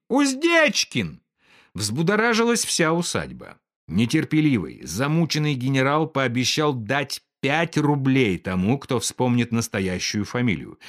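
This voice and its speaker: A man reading a story aloud with a lively, dramatic delivery. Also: medium pitch, moderate pace. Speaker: narrator.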